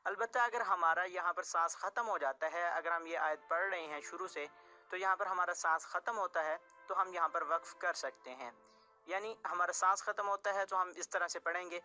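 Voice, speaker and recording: Quran teacher, bright voice, patient repetitive explaining, faint background music. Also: medium pitch, moderate pace. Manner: patient, repetitive explaining, restating each rule several ways. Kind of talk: explanatory tajweed lesson.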